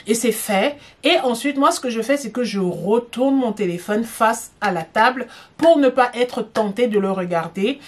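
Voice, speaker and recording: A young woman casually giving etiquette tips to camera, chatty and emphatic, talking straight to the viewer with teasing questions. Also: mid-range voice. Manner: chatty and emphatic, repeating "non, non" for stress; addresses the viewer directly, teasing rhetorical questions. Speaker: lifestyle vlogger.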